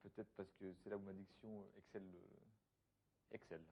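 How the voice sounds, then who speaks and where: Low-voiced man joking about himself. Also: level tone, normal speed, gravelly, mellow, a little hiss or hum. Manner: hesitant, self-mocking. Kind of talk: joking interview chat.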